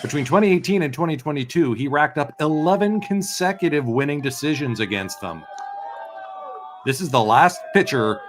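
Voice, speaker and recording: A man's voice: a little high, animated, moderate pace. A man giving analytical color commentary during a live baseball broadcast.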